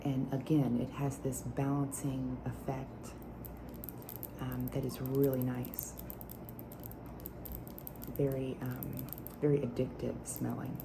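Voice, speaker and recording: A woman speaking in a soft, hushed, near-whispered ASMR voice as she gives a product review. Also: very deep voice, flat delivery, slow, vocal fry, long pauses, noisy background. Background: nail tapping.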